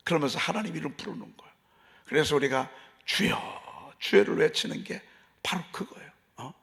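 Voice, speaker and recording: Gravelly folksy Korean pastor preaching. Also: male voice, fairly high pitch, fast talker, fairly bright tone. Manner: folksy, emphatic, repeats phrases and asks the congregation questions. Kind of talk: dawn service sermon. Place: church sanctuary.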